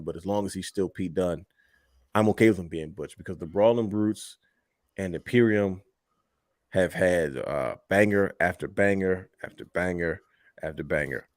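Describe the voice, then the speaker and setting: Deep-voiced guy riffing on wrestling, animated, dry close mic. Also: normal speed, no echo. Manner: animated, loose, laughs loudly, trails off mid-sentence. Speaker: podcast co-host. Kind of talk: casual late-night wrestling chat.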